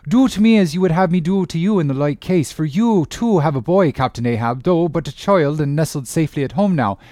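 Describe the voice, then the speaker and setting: A man's voice: a little high, expressive, brisk, mellow, no echo, studio quality, pitched above the performer's own voice, lightly acted. A man reading an audiobook voices a frantic whaling captain pleading for help to find his lost son. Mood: desperate pleading. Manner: pleading, begging urgently. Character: desperate grieving whaling captain, middle-aged man.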